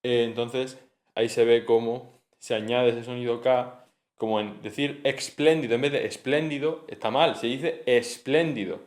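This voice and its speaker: A man's voice: mid-range voice, steady tone, unhurried, darkish tone. A man giving an informal exam-prep lesson, chatty and thinking aloud, with frequent tag questions and self-corrections. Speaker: teacher. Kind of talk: casual exam-prep lecture.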